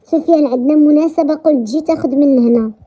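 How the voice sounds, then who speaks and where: A woman's voice: sits high, quick pace, warm tone, lightly acted. A woman with a Moroccan accent voicing a teasing young male math teacher in a romance story. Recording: dull lo-fi recording.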